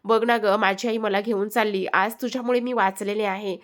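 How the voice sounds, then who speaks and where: A woman's voice: mid-range voice, steady tone, moderate pace, natural voice. A woman reading as an anxious young village woman.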